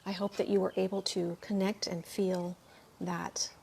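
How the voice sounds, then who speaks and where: A woman hosting a spiritual livestream, gushing over viewer comments and thanking everyone again and again while she clears her throat now and then. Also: lowish voice, little pitch movement, measured pace, dark tone, slight background noise. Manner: reads viewer comments aloud and answers them. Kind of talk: live chat after a meditation.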